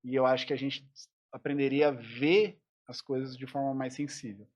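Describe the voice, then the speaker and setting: Heard through lo-fi sound, a man with a mid-range voice keeps a steady tone and moderate pace. He's a musician on a podcast, in an easygoing interview, pondering aloud and often starting over mid-sentence.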